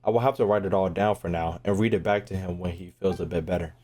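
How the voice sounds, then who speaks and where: With game music underneath, a fast-talking male streamer narrates his play in a deep, darkish voice and fairly even intonation. He keeps it casual and profane, reading on-screen text aloud at times.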